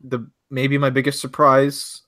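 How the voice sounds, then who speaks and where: A man co-hosting a gaming podcast in casual chat, talking excitedly and restarting his sentences when hyped. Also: mid-range voice, unhurried. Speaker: podcast co-host.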